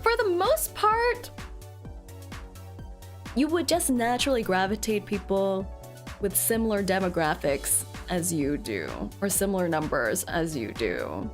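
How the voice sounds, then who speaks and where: A woman's voice: medium pitch, expressive, moderate pace, soft background music. A woman chatting casually on a livestream to her viewers, with a playful, cute anime-streamer delivery. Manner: playful, giggly. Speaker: VTuber streamer.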